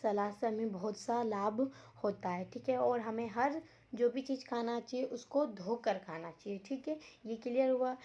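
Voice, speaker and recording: A woman teaching an online lesson to young children, speaking slowly and deliberately, repeating words and asking questions as she goes. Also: a little high, dark tone, lo-fi sound. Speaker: school teacher.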